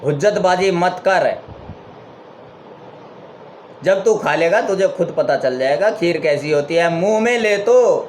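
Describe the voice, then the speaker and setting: A patient host from a spoken parable, coaxing and urging his guest again and again, as a man puts him on. The voice sits a little high and presses gently. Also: a little hiss or hum. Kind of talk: storytelling parable.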